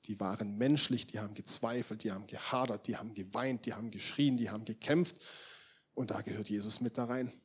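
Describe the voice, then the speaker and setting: Husky young man preaching a sermon. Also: fairly low pitch, a little fast. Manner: casual, swings from loud emphatic outbursts to quiet intense murmurs; addresses the congregation directly.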